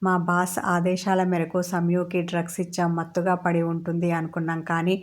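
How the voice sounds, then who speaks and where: A woman's voice: on the low side, monotone, moderate pace, close to an everyday voice. A woman voicing a frightened pleading girl. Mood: fearful. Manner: hesitant, pleading.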